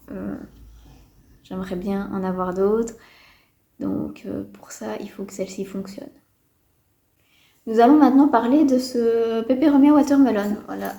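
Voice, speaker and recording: A woman's voice: mid-range voice, gravelly, dark tone, muffled recording. A woman casually chatting to camera as a houseplant vlogger, hesitant, with many fillers and a mildly disappointed tone, indoors at home. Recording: roomy echo.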